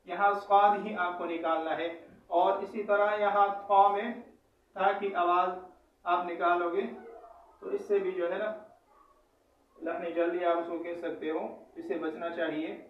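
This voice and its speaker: A man with a high voice teaches recitation patiently, spelling out each syllable and repeating it so students can follow. He sounds set back from the mic in an echoey room, and the audio is a bit dull and muffled. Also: flat delivery, distant mic, slight background noise. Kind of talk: teaching lesson.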